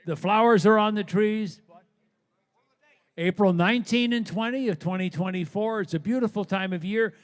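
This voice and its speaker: A man's voice: high-pitched, moderate pace, clear, resonant tone, big-room sound. A man working as an auction announcer, describing lots and giving live commentary.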